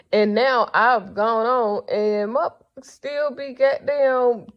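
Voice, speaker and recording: A woman's voice: on the high side, lo-fi sound. A woman podcast host giving a casual, rambling monologue, blunt and profane, sleepy and yawning.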